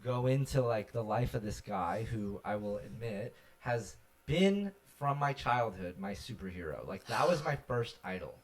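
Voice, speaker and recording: A man co-hosting a casual chat stream, talking in an animated, rambling way with many fillers. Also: on the low side, unhurried. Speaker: podcast co-host.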